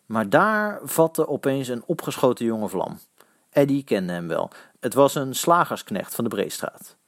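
A man narrates a story with an animated, expressive reading, his pitch rising and falling freely. The sound is dry and close, with no room echo. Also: measured pace, creaky.

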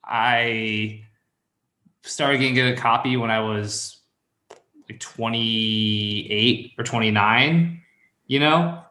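A man in his thirties, a call-in show host and copywriting mentor, gives casual advice in a chat, rambling and thinking aloud. His mid-range voice is slow and sharp-toned, and the recording is reverberant.

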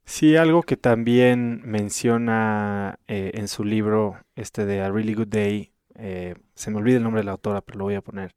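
A man's voice: on the low side, steady tone, normal speed, few pauses, a little mellow, clean tone, no room sound, studio quality. A man, hosting a conversational interview in a reflective, anecdotal way. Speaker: podcast host.

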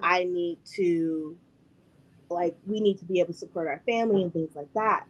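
A woman's voice: on the low side, normal speed, lo-fi sound. A woman hosting a podcast, telling stories in casual chat, leaning heavily on "like" and "I was like". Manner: chatty storyteller, heavy use of "like" and "I was like". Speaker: podcast host.

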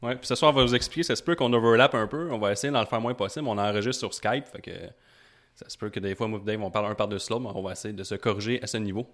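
Male podcast host, Quebec French accent, lowish voice, quick casual delivery over an online call. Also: a bit bright. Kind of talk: casual chat.

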